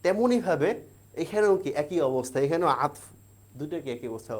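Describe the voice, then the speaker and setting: A man's voice: a little high, animated, fairly quick. A man teaching an exam-prep grammar lesson, explaining step by step and asking and answering his own questions. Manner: keeps checking in with the class.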